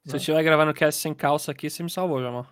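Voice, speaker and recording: A Brazilian man with a fairly high voice chats as a podcast co-host. His talk is loose and slangy, recorded close and dry without room sound. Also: steady tone, rapid-fire, smooth, dry recording. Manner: informal, slangy, chuckles while talking. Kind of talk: casual chat.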